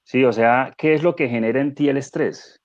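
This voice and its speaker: A man speaking as a guest neuro-coach in a conversational webinar, animated and explanatory, asking rhetorical questions. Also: medium pitch, moderate pace, no room sound, lo-fi sound.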